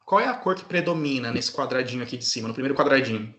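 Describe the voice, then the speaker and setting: A man's voice: mid-range voice, lively intonation, very fast, fairly bright tone, reverberant. A man teaching an English class online in a patient way, often checking in with his students.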